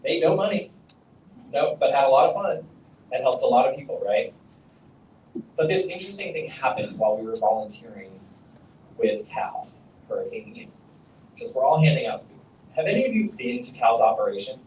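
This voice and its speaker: A man's voice: mid-range voice, animated, normal speed, long pauses, a little mellow, far from the mic, slight background noise. Guy giving a loose swear-y speech to a crowd, roomy hall sound, a bit off mic. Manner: casual, profane, self-deprecating, lots of "like" and "okay?". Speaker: company leader giving a summit talk. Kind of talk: storytelling keynote speech. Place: conference hall.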